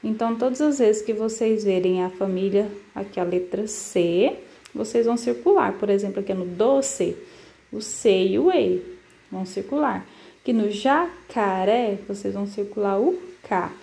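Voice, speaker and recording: A woman with a Brazilian Portuguese accent teaching first graders, sounding out syllables slowly and patiently. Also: mid-range voice, creaky, mellow, roomy sound. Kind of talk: recorded online lesson for children.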